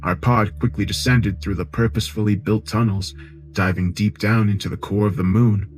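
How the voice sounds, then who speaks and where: A man narrating a science fiction horror story in a measured, grave tone, with music behind. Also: fairly low pitch, steady tone, darkish tone.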